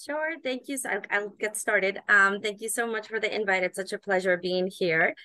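A woman's voice: medium pitch, steady tone, bright, forceful tone, no echo. Earnest woman on a video call, dry sound. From Ecuador. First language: Spanish. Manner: earnest, measured, with frequent fillers. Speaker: immigration attorney, panelist. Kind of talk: webinar panel answer. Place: indoor room on a video call. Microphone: video call webcam.

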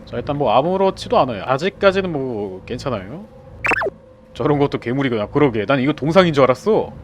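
A man's voice: mid-range voice, fairly quick, background noise. A young man commentating a horror game as he plays, chatting with teammates and yelping when startled. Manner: excitable, yelps and shouts when startled. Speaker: game streamer. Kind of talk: live gameplay commentary.

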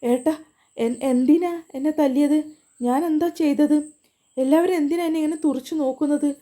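A woman's voice: medium pitch, flat delivery, normal speed, dark tone, lightly acted. A woman voicing a frightened young woman who pleads through tears, in a spoken family story. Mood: tearful pleading. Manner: tearful, pleading questions.

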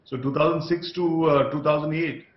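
A middle-aged man with an Indian accent argues in a TV debate as a party spokesperson, leaning on emphatic repetition and rhetorical questions. His fairly high voice holds a steady tone at a moderate pace. He joins by video call from a small indoor room, and the sound is dull and echoey.

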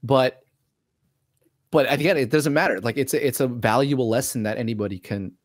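A man co-hosting a podcast, talking through a film review in a casual, excitable way and swearing freely. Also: medium pitch, fairly quick, no room sound, clean studio sound. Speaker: podcast co-host.

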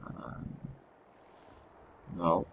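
A man's voice: drawn-out words, fairly bright tone, slight background noise, low-quality recording. A man giving casual video game commentary, muttering to himself in a mildly exasperated way. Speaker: gamer narrating own playthrough.

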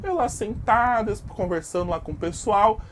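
A Brazilian woman hosting a YouTube channel, telling an exaggerated comic story with lots of sound effects in an animated way. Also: mid-range voice, normal speed. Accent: Brazilian Portuguese. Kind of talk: comic tall-tale storytelling.

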